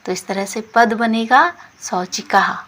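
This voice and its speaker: Slow patient woman teaching word meanings. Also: a little high, a bit bright. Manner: slow, patient, repeats each word then explains. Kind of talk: slow spoken lesson explaining word meanings.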